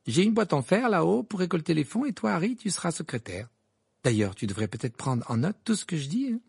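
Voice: medium pitch, dark tone, husky, dry recording, studio quality, pitched above the performer's own voice. An audiobook reader voicing Hermione, an earnest, bossy teenage witch who lectures with eager insistence. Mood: cheerful. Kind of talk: audiobook character voice.

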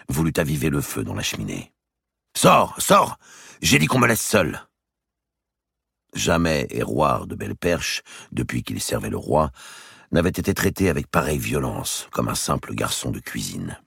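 Very deep, gravelly male storyteller. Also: dry recording, clean studio sound. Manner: measured storytelling. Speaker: audiobook narrator. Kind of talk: scripted narration of a historical novel.

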